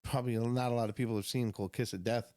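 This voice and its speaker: A man's voice: mid-range voice, steady tone, rapid-fire, a little mellow, no room sound, studio quality. A man co-hosting a podcast, casually chatting and dryly correcting and teasing his friend. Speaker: podcast co-host. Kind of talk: casual chat.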